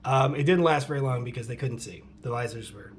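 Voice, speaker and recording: There's a little hiss or hum behind this middle-aged man's medium-pitched voice, which moves a little fast. Reading fan comments at home with his cat, the channel host answers questions casually, laughing frequently and muttering asides under his breath.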